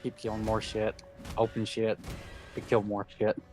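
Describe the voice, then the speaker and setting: A man's voice: lowish voice, completely flat delivery, moderate pace, darkish tone. Laid-back swearing guy, laughing often. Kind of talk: casual chat while gaming. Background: game music.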